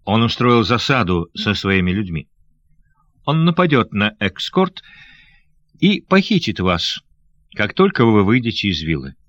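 A gallant male adventurer from an audiobook tale, voiced by a man in a lowish register, courteous and steady as he reassures. The recording sounds muffled and lo-fi, with dry, close audio. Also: a little slow, long pauses, no echo.

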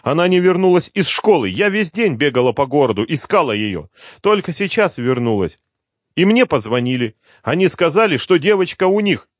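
A frantic, shrill old mother, as a male reader puts her on, crying out in fear on a telephone line. Her voice jumps high and loud, and it stays raised and urgent throughout. The sound is dry and close, with no room around it. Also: big pitch swings, moderate pace, no echo. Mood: frantic, scared. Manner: frantic, shouting in alarm. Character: frightened elderly mother, panicky and shrill.

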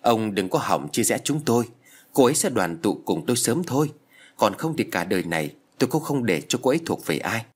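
A man voicing a jealous young male ghost who mocks and defies an exorcist, with a husky voice. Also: on the low side, very animated, a little fast. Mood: defiant. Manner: mocking, defiant.

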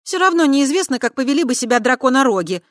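A reader voicing a sharp-tongued, scornful red-haired young witch girl with a shrill, loud voice. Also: sing-song, fast talker, dry recording, studio quality. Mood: gloomy. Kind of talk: audiobook character voice.

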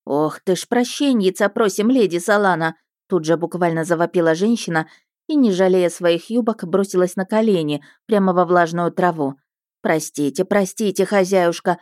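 A woman's voice: on the low side, normal speed, a little mellow, no echo, studio quality, lightly acted. A woman voicing a fussy, doting village peasant woman who clucks and laments in folksy speech. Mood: pleading.

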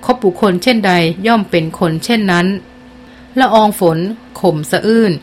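Female audiobook narrator, mid-pitched, steady novel reading, faint background hiss. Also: normal speed.

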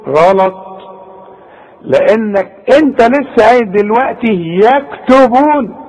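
A man's voice: high voice, a little mellow, low-quality recording. A man with an Egyptian Arabic accent teaching Quran recitation rules, speaking directly to the student and demonstrating each word. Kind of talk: tajweed lesson.

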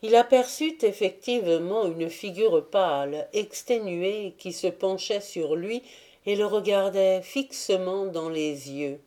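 A woman reading a classic novel aloud as an audiobook narrator, in a slow, measured way. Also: medium pitch, dark tone. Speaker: audiobook reader. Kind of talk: scripted narration.

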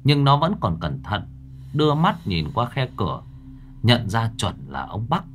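A man's voice: medium pitch, wildly swooping pitch, a little slow, a bit bright. A man narrating a horror story in a dramatic storytelling manner.

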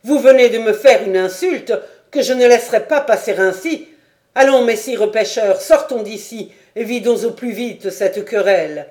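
A woman doing a loud, scornful sergeant. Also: mid-range voice, animated, normal speed, close to an everyday voice. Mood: mocking. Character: insolent boastful male sergeant, mocking soldier.

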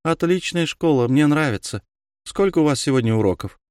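A man voicing a confident, brisk teenage girl of noble birth. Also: a little high, animated, darkish tone, clear, resonant tone, no echo, studio quality, pitched above the performer's own voice, lightly acted. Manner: brisk, self-assured.

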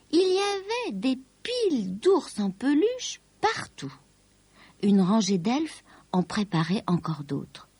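A woman reading a children's story aloud in a slow, expressive, lilting way. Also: medium pitch, breathy edge, no room sound.

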